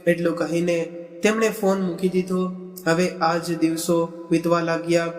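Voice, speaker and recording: A male storyteller with a high voice that stays flat and level, reading a moral story in a steady way. The voice sounds echoey and reverberant, as if in a large room. Soft music plays faintly underneath. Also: unhurried. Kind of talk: read-aloud moral story narration.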